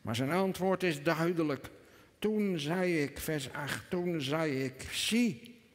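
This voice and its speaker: A man, preaching a sermon in church, earnest, rising to emphatic peaks and dropping to a hush. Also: fairly high pitch, takes it slowly. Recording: long reverb of a church hall.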